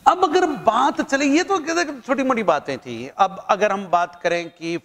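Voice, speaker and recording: Lively high-voiced Indian teacher, reverberant. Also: male voice, measured pace. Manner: playful, chatty teaching with jokes and asides. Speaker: chemistry teacher. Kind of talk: classroom lecture.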